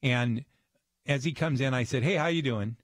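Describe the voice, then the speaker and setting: A man guest on a radio talk show, telling a story in an earnest, animated way. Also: medium pitch, normal speed, no echo, clean studio sound. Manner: earnest, animated, acts out voices in his stories.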